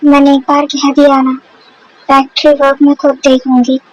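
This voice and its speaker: A woman's voice: high-pitched, completely flat delivery, normal speed, a little mellow, dry recording, highs cut off, close to an everyday voice. A woman voicing a hot-tempered young mafia boss who scolds sharply, in a Hindi dubbed fan story. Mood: angry.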